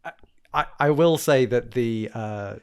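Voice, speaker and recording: A man with a gravelly, frying edge to his voice plays a tabletop game. He talks casually and haltingly, thinking aloud as he describes what his character does. His pitch sits in the middle range.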